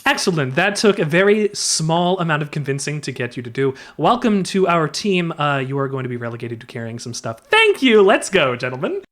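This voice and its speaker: A man playing a tabletop game in character, speaking with theatrical, drawn-out formal phrasing. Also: a little high, expressive, fairly bright tone. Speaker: player.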